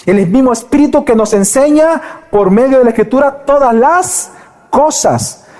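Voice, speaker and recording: Male preacher, high but mellow voice, fervent sermon delivery with exclamations and soft hushed asides. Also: expressive, normal speed. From El Salvador. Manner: impassioned preaching, dropping to soft intimate tones when voicing God; reads scripture aloud and exclaims often. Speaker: pastor.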